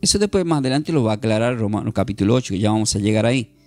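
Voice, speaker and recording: A man teaching an informal Bible class, animated and jokey, acting out scenes and often restarting. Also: lowish voice, racing, no room sound, soft background music.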